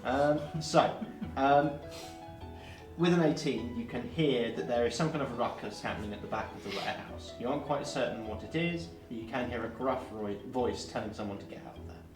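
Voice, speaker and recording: A man running a tabletop game as game master, narrating in a relaxed, chatty way. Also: medium pitch, brisk. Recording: roomy, distant mic, faint music.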